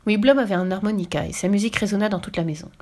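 A woman reading a children's story aloud with lively, expressive storytelling. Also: medium pitch, racing.

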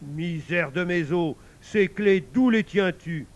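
A man's voice: sits high, takes it slowly. A man reading a tale aloud, voicing a brutish husband who blusters, roars and complains. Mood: roaring. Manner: loud, blustering, pleading.

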